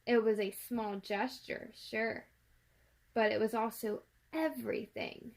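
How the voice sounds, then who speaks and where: A woman reading a children's picture book aloud in an expressive storytelling manner. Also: on the high side, takes it slowly, vocal fry. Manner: expressive, acts out sound words and dialogue.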